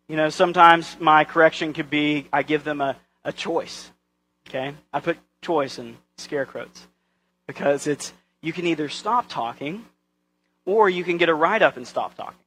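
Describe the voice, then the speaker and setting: Guy in his 30s giving a sermon, high voice, talks casual, does funny voices for quotes. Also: a bit bright, poor audio. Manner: conversational, acts out quotes with playful voices. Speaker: preacher.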